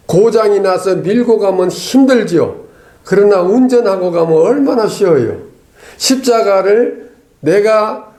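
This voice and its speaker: A male pastor delivers a sermon in a fairly high but dark, mellow voice with a gravelly edge. He speaks conversationally, often asking the congregation rhetorical questions and adding a questioning "eh?". The sound carries the echo of a church hall. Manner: tags lines with a questioning "eh?".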